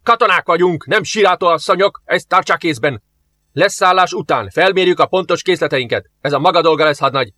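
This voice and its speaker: A man's voice: on the high side, lively intonation, fairly bright tone, no room sound, pitched above the performer's own voice. A man voicing a stern male first officer who barks orders in a raised, authoritative voice. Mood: commanding. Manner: barking, authoritative.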